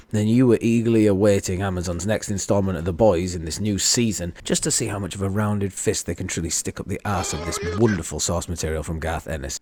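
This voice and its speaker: A man's voice: on the low side, darkish tone, no echo. A man reviewing a show in a sarcastic, profane, self-deprecating roast, recorded into a microphone. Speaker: video reviewer. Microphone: studio microphone.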